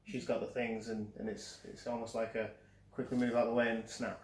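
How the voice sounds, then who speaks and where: A man's voice: medium pitch, level tone, fairly quick, slight background noise. A man hosting a casual movie review chat, talking hesitantly with frequent restarts. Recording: roomy echo.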